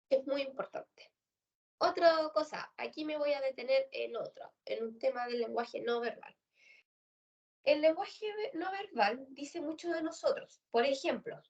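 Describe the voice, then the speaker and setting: A woman's voice: on the high side, a little mellow, recorded from a distance, highs cut off. A woman with a Chilean accent teaching a workshop on job interviews, explaining points and asking and answering her own questions. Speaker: career workshop instructor. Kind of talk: instructional talk.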